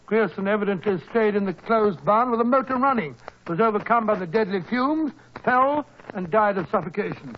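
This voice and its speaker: An actor in a 1940s radio drama playing an earnest, excitable doctor sidekick, blustering and easily puzzled. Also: male voice, sits high, normal speed. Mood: grave, assured. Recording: faintly noisy 1940s radio recording.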